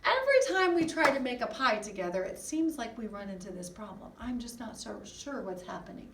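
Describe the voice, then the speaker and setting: A woman music teacher giving an online lesson to first graders, animated and sing-song as she chats with them and brings out puppets. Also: on the high side, brisk, reverberant, recorded from a distance, slight background noise.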